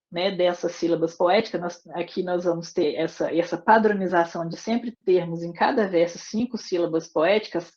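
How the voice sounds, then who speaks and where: Woman teaching a poetry class over a video call, lowish voice, talks through it step by step, muffled earbud mic. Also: a little mellow. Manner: explanatory, frequent tag questions. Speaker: literature lecturer. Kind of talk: online class lecture. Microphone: wireless earbuds on a video call. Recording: dull lo-fi online call audio.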